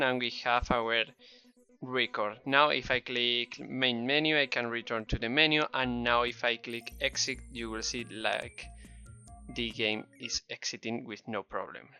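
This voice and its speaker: Recorded on a dull, slightly lo-fi close mic, this screen-recorded tutorial features a man with a Spanish accent explaining game development step by step. His medium-pitched voice sounds sharp, and his manner is friendly and encouraging.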